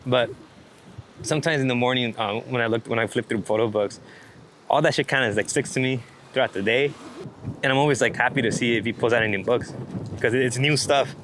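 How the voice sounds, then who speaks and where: A medium-pitched man speaks a little fast with a fairly bright tone, and the recording quality is low. He's being interviewed as a street and landscape photographer, chatting off the cuff in a rambling, enthusiastic way laced with slang and lots of swearing. Background noise and outdoor ambience are clearly audible.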